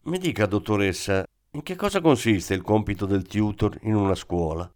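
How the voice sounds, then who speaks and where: A man reading a calm, pragmatic woman inspector. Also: lowish voice, moderate pace, close to an everyday voice. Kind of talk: audiobook reading.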